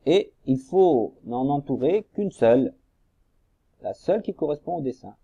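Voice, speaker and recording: A man's voice: fairly high pitch, expressive, unhurried, dark tone, breathy edge, no echo. A man teaching young children a reading lesson, patiently guiding them through workbook exercises and spelling out syllables. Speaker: primary school teacher.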